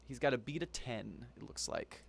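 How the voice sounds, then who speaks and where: Man, game master, relaxed, chuckling, average pitch. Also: normal speed, creaky, breathy edge. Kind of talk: narrating a tabletop game.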